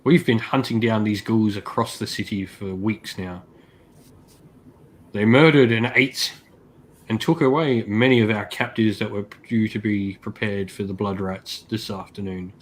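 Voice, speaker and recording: A man's voice: on the low side, fairly even intonation, unhurried, slight background noise, lightly acted, low-quality recording. A man voicing a stern, vengeful female witch elf leader in a tabletop game, speaking in a cold, demanding way.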